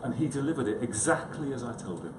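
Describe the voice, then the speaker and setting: A psychiatrist gives an informal conference talk indoors, hesitant and self-deprecating, tossing chatty asides to his listeners. He talks fast and animatedly at medium pitch, and the echoey conference room carries clearly noisy background sound.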